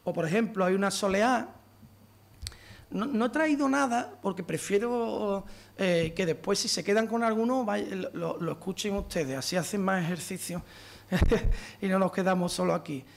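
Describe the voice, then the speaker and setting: A man giving a lively lecture to an audience, counting out rhythms and beating time aloud as he explains. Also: high voice, normal speed, gravelly, slight background noise. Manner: animated, counts out rhythms and taps beats aloud.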